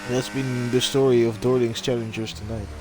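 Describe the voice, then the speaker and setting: A man's voice: medium pitch, steady tone, moderate pace, background noise. A man casually commentating a live sim racing stream and chatting with viewers. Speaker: race commentator.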